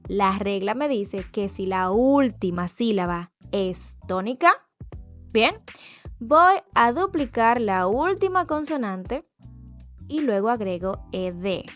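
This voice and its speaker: Slow, patient woman teaching a lesson. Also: mid-range voice, lively intonation, a bit bright. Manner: spells out letters and patterns, repeats words for practice. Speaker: English teacher. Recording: faint background music.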